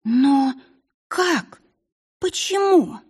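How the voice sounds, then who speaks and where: A woman voicing a young princess in shock and rage, her voice jumping high and breaking as she cries out. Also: animated, very slow, heavily acted. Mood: shocked, disbelieving. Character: young princess, terrified, grief-stricken, defiant.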